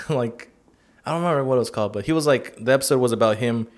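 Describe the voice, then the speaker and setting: A man's voice: medium pitch, quick pace. A man in casual, profane chat about cartoons, acting out the lines he quotes in put-on voices.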